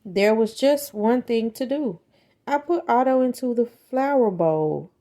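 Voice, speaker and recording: A woman reads a children's book aloud as an expressive storyteller, giving her words deliberate, dramatic emphasis. Her voice is a little high.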